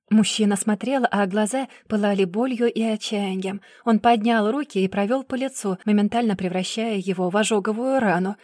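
A woman reading a dark story aloud as an audiobook narrator, with steady, dramatic delivery. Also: medium pitch, no echo, studio quality.

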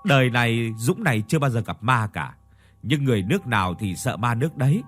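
A man's voice: mid-range voice, lively intonation, a little fast, fairly bright tone, soft background music. A man doing a blunt, mocking young man. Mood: scornful.

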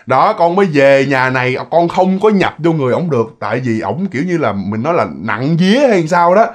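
A man's voice: a little high, animated, fairly quick. A man voicing a wronged ghost who has possessed a woman, speaking in a matter-of-fact, pleading way. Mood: confessing.

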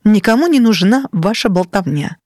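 A woman's voice: medium pitch, lively intonation, moderate pace, darkish tone, no echo, clean studio sound, voice pushed up, natural voice. A woman reading as a cold sorceress mother. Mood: cold scorn. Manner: icy, scolding, sharply emphatic. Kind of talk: audiobook character reading.

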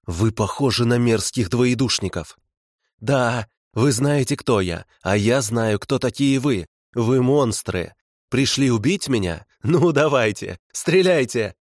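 A man's voice: mid-range voice, very animated, normal speed, a little mellow, no echo, clean studio sound. A man voicing a fanatical, embittered male prisoner who spits out spiteful accusations. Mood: screaming.

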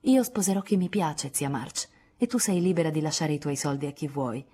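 Woman voicing a young woman, audiobook, defiant, proud, firm, husky tone. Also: low voice, animated, normal speed, dark tone. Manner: indignant, firm, spirited. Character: proud, resolute young woman defending her beloved. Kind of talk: audiobook dialogue reading.

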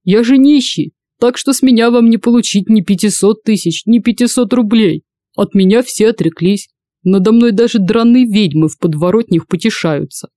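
A woman voicing a cheeky male drunkard jester who talks in a loud, mocking way. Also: medium pitch, normal speed, dry recording, lightly acted.

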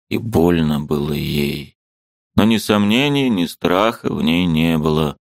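A man narrating a classic novel as an audiobook, expressive and measured. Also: very deep voice, vocal fry, dry recording, studio quality.

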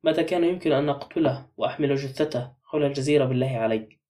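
A man voicing a sharp-tongued, wary man under suspicion, curt and sardonic. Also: medium pitch, fast, far from the mic, lightly acted. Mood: defiant.

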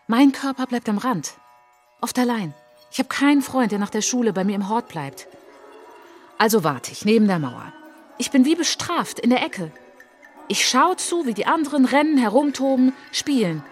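An actress with a higher-pitched voice performs a radio play monologue as a reflective French woman traveller, speaking in a measured, intimate, literary way.

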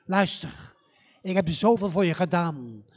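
A man voicing a calm, firm old fox in a spoken fairy tale, who speaks slowly and deliberately. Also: high-pitched, muffled recording. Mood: pleading.

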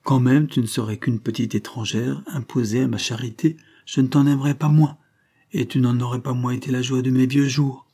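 An old grandmother, frail and short of breath, as a male reader puts her on, speaking with a strained, earnest effort. Her lines sit noticeably higher than the reader's own voice. The tone stays dark and husky throughout, in a storybook reading. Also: fairly even intonation, a little fast. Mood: pleading. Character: frail asthmatic old grandmother, stern but loving.

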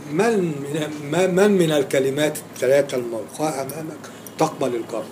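A man's voice: a little high, fairly quick, background noise. A man with an Egyptian Arabic accent lecturing on grammar in a classroom, quizzing his students and repeating key words for emphasis.

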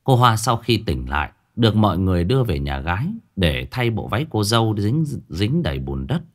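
A man's voice: lowish voice, very animated, fairly quick. A man narrating a ghost story in a colloquial, vivid way, with crude asides.

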